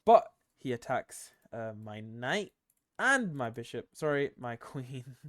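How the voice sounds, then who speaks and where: A young man walks through his own chess game out loud, hesitant and tired, correcting himself often. His voice sits at an ordinary middle pitch. The recording is close and dry, with no room sound. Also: sing-song, slow pace, no echo. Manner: thinking aloud, hesitant, many ums and self-corrections. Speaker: chess streamer. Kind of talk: casual game commentary.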